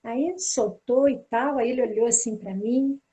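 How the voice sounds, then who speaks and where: High-voiced woman telling a story. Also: normal speed, slightly rough. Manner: lively storytelling, acting out the dialogue. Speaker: teacher and pedagogical coordinator. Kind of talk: casual spoken anecdote.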